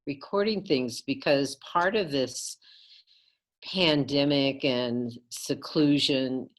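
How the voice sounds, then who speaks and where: A middle-aged woman, an astrologer, speaking in a slow, halting, thoughtful way. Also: very deep voice. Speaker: astrologer co-host. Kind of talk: casual conversation.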